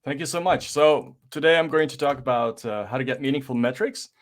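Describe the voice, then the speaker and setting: A man's voice: medium pitch, brisk. A man from Belgium with a Flemish accent, giving an enthusiastic online conference presentation with plenty of filler words over a video call. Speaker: conference speaker. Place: presenting remotely from home city.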